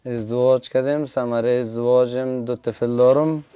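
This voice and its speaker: Fast-talking man in his forties. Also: medium pitch, fairly even intonation, warm tone, lo-fi sound, a little hiss or hum. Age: 40s. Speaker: interviewee, ironworker. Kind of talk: documentary interview.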